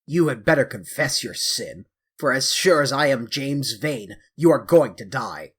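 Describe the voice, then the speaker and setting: A man voicing a grim, vengeful sailor who barks short, loud threats, with a husky voice. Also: mid-range voice, animated, measured pace. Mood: menacing. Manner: loud, threatening, clipped commands. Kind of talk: audiobook character voice.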